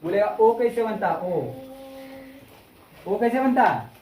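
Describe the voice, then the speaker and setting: A woman's voice: mid-range voice, big pitch swings, mellow, slight background noise. Teacher woman drilling vowels in echoey classroom. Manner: repetitive questioning, drawn-out vowel demonstrations, scolding. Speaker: Hindi grammar teacher. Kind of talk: classroom lesson with call-and-response drilling. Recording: echoey room from far off.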